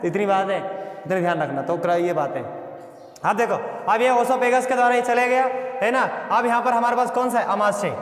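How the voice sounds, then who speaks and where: A man's voice: sits high, fairly quick. A male biology teacher, lecturing in a call-and-response way. He asks each question again and again, then gives the answer himself. The sound rings with a long, roomy reverb. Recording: echoey, reverberant room.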